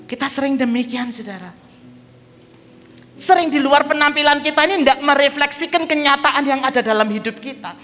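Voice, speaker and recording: A woman's voice: sits high, brisk, a bit bright. A woman evangelist preaching a sermon with a personal testimony, telling her story vividly and acting out the dialogue. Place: large church hall. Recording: church hall reverb with background music.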